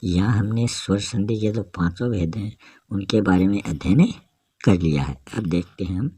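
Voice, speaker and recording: A man teaching a grammar lesson, explaining each step slowly and carefully. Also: low-pitched, mellow, breathy edge, no room sound.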